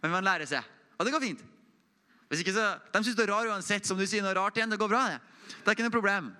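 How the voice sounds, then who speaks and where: A young man preaches an informal testimony in a church, earnest and conversational. His voice is bright and forceful and sits somewhat high. He often sinks to a soft hush when he speaks of quiet, intimate moments. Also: smooth. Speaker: preacher giving a mission report.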